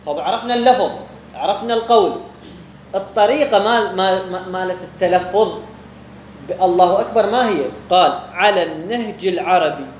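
A man with an Iraqi Arabic accent explains a jurisprudence text to students, posing questions and answering them himself. His voice is high-pitched and a little fast, recorded in an echoey room with a faint background hum.

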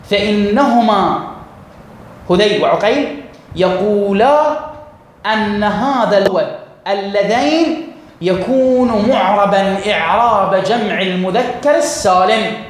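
High-voiced man teaching in echoey room. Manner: repeats points and quizzes students. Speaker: grammar teacher. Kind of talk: classroom lecture.

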